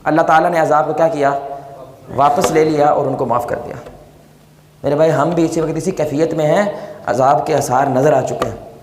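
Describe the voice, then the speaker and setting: A man preaching a sermon, impassioned, swinging from loud, high appeals to low, hushed prayer and calling listeners his brothers. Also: fairly even intonation, slight background noise. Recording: echoey hall with long reverb.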